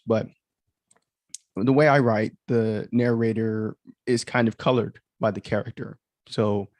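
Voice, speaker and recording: Hosting a livestream of his audio drama, the author offers loose, rambling commentary packed with asides. His voice sits low, creaky and darkish, captured in a dry studio-quality recording.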